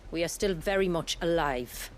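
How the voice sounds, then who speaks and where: An actress playing a calm, secretive woman who speaks for a hidden tribe, in a video game, in a measured, solemn way. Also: on the low side, slight background noise, lightly acted.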